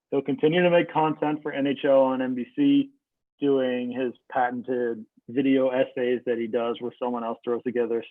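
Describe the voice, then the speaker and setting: A young man co-hosting a casual hockey podcast, chatty and relaxed, laughing easily. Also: medium pitch, no room sound. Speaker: podcast co-host. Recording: dry tinny phone-like line.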